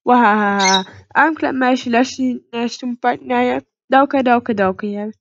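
A woman's voice: on the high side, normal speed, creaky, lo-fi sound, background noise. A woman voicing a scheming male villain boss in a horse-riding game, with a mocking, gloating manner.

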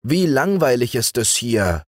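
A man's voice: mid-range voice, animated, unhurried, no room sound, clean studio sound, voice pushed up. A man reading aloud voices a restless young village lad, eager and pleading. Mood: yearning.

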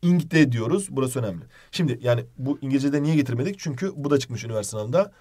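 A man teaching an exam-prep grammar lesson, speaking directly to his students and running through examples in quick lists. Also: medium pitch, lively intonation, darkish tone. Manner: direct, addresses students informally.

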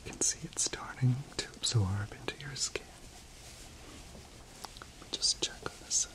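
Soft whispering middle-aged man, spa-like role-play. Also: mid-range voice, lively intonation, moderate pace, poor audio. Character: gentle, reassuring male chemist tending to a client. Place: indoor studio set.

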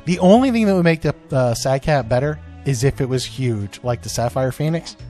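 Brief: middle-aged man, upbeat family unboxing host, lively swings in pitch, light music underneath. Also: a little fast. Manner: upbeat, chatty, lots of fillers. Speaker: parent co-host unboxing toys. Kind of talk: casual family toy unboxing.

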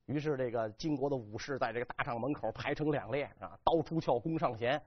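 Husky man telling history. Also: medium pitch, a little fast, highs cut off. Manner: lively storytelling, acts out dialogue. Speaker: history lecturer. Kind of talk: storytelling history lecture.

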